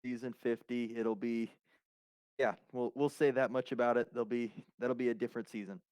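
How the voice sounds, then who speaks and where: Man, co-host, casual chat, dry teasing, laid-back, mid pitch, dry recording. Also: steady tone, fairly quick, a little mellow, smooth, dry recording. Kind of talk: casual chat on a racing stream.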